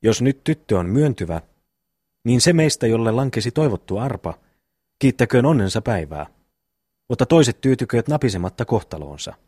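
A man's voice: mid-range voice, big pitch swings, darkish tone, slightly rough, no room sound, clean studio sound. A man reading the lines of a grown peasant brother who earnestly talks his brothers out of a fight. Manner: long solemn persuasive speech.

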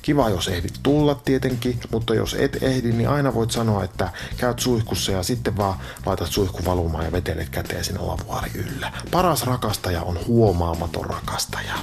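Gravelly low-voiced man giving deadpan advice. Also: few pauses, noisy background. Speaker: advice show host. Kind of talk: deadpan comedic advice monologue.

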